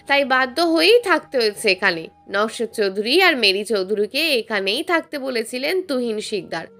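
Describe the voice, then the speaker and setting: High-voiced woman narrating a story. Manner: steady, measured storytelling. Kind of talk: scripted narration.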